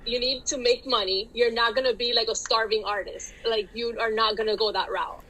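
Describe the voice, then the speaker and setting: Fairly quick and a little high, this woman's voice is steady in tone yet pushed and bright, heard through a low-quality recording with a little hiss or hum. Originally from the Dominican Republic, she speaks English with a Miami Cuban-tinged accent, laughing often while chatting casually as a guest author.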